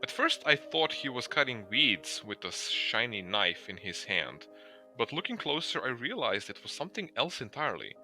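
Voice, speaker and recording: A man reading a game's story aloud to friends in an expressive storybook manner. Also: mid-range voice, moderate pace, faint music behind. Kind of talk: reading game text aloud.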